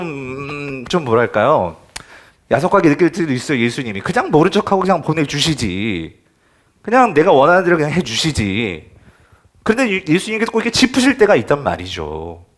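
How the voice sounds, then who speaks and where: A male pastor preaching a sermon in church, emphatic and often asking the congregation questions. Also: fairly high pitch.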